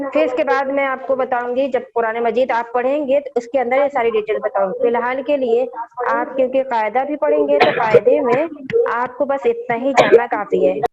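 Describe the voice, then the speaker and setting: A woman teaching young children how to read the Quran, patiently repeating each point and quizzing them, heard over a dull, lo-fi online call. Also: high voice.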